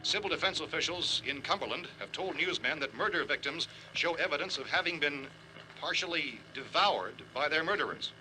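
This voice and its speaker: Actor as grave, higher-voiced radio newscaster. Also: male voice, lively intonation, over loud music, lightly acted, poor audio. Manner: formal, measured, solemn. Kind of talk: 1960s news bulletin reading.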